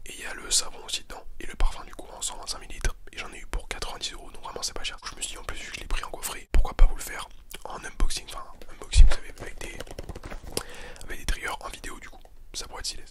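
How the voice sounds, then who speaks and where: Man whispering quick ASMR chat. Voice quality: breathy unvoiced whisper. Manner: repeats words and phrases softly. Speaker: ASMR video host. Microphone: close handheld-style stereo recorder.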